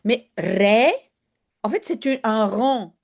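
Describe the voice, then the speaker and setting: A woman teaching Dutch in an online lesson, chatty, slowing down to model pronunciation. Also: fairly high pitch, vocal fry. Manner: chatty and lively, apologizes for digressions, models pronunciation slowly.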